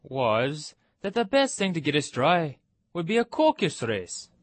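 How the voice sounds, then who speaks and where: A woman's voice: fairly low pitch, very animated, measured pace, no room sound. A woman voicing a solemn, pompous dodo in a storybook, speaking in a ponderous and formal manner. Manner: ponderous, formal, long-worded. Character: solemn, pompous old dodo making pronouncements.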